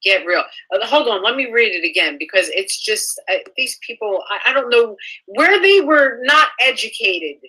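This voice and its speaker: Here a young woman's fairly high, expressive voice sounds pushed, bright and a little breathy as she reads out online comments and answers them with sarcastic, foul-mouthed indignation. Her delivery halts, with frequent false starts. The audio quality is low.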